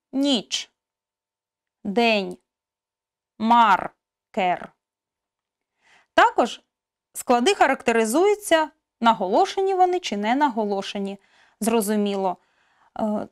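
A woman teaching a language lesson, explaining slowly and carefully with spelled-out example words. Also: on the high side, big pitch swings.

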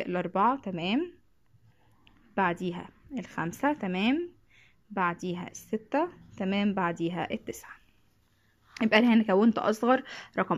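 Fast-talking Egyptian woman math teacher. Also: medium pitch, a bit bright. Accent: Egyptian Arabic. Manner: patient, repeats each point, frequent throat clearing. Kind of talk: classroom math lesson.

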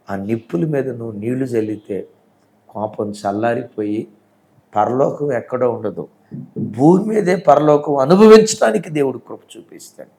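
A male pastor, preaching a sermon and acting out a story with dramatic swings in voice. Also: rough recording. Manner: dramatic, voices the characters with big swings in pitch and loudness.

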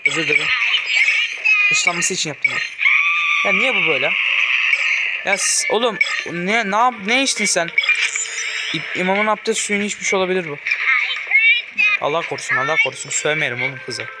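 A man's voice: high voice, lively intonation, fairly quick, long pauses, very noisy. A young man from Turkey giving casual, joking commentary on a horror game as he plays, often swearing and yelping at it. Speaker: gaming YouTuber. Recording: loud game music behind the voice.

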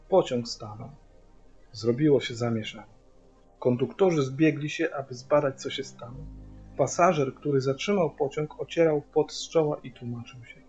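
A man reading a children's book aloud as a father, with steady, even storytelling. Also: medium pitch. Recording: dull lo-fi audio via hearing aid, faint music.

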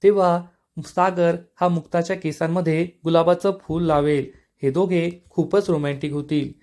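A man giving a scripted narration that recaps a TV serial episode, telling it in a steady storytelling way. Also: on the high side, moderate pace.

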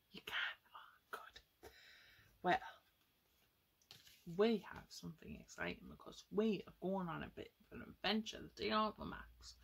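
A young woman with a husky, mid-range voice performs a paper-puppet story for children in a small room at home. She talks right to them, asking questions and exclaiming along the way.

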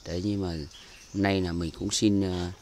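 Northern vietnamese guy talking casually outside, deep voice, faint noise. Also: level tone, moderate pace, a little mellow. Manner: chatty, many fillers and repeated words. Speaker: bird breeder showing his aviary. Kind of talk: casual walkthrough narration. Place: outdoor bird aviary. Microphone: handheld camera mic.

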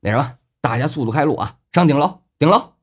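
Guy doing a loud excitable rich kid in an audiobook, yelling high, bit husky. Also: quick pace. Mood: urging loudly. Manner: shouting, stammering when overwhelmed. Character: exuberant young rich heir, loud and excitable.

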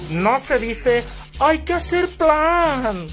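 A woman's voice: sits high, very animated, very slow, soft background music, pitched above the performer's own voice, exaggerated voice. A woman doing a brash barrio girl. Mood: brash, rowdy. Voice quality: brassy, loud, slangy. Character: brash working-class barrio girl, loud and crude. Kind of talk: comedy sketch.

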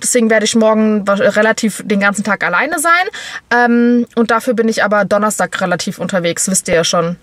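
A woman's voice: medium pitch, brisk, fairly bright tone, dry recording. A young woman from Germany chatting casually to her viewers from a parked car at night, with lots of fillers and restarts. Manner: chatty, many fillers and restarts, laughs often. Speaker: vlogger. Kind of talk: casual vlog chat. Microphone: camera on dashboard. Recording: noisy car interior.

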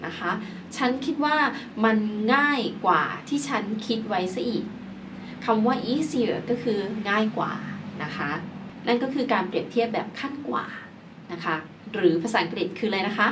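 Female teacher, patient explainer, spells words out; recorded off-mic with audible noise. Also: mid-range voice. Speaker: English teacher. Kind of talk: explaining grammar lesson. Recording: distant mic with clear background noise.

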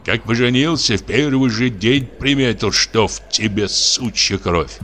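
A man's voice: mid-range voice, a little slow, a bit bright, natural voice. A man voicing a frightened, superstitious village deacon who grumbles and rants tearfully. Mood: ranting. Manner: grumbling, accusing, tearful muttering.

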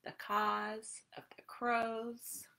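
Though she's leading a sing-song, encouraging storytime for small children as a librarian, this woman in her thirties delivers it completely flat and very slowly, her slightly high, sharp voice showing vocal fry. The small-room home webcam recording has roomy echo and slight background noise.

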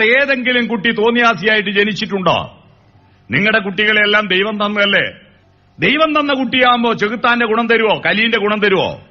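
Male motivational speaker, lively delivery with sung snippets, muffled recording. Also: high-pitched. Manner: animated, sings song lines and acts out calls to make points. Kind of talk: public speech on family and education. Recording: dull lo-fi recording.

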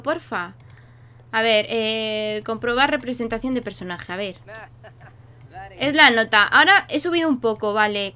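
With a fairly high pitch and a sharp tone, a young woman gaming YouTuber offers casual commentary on a life-sim game. She keeps things playful, talking to the people watching and to the characters on screen.

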